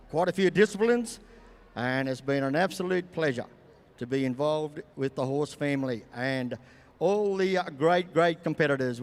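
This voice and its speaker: An older Australian man commentating live over an arena PA, with folksy showmanship and drawn-out phrasing. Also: mid-range voice. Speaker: campdraft commentator and announcer. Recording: echoing arena PA, long reverb.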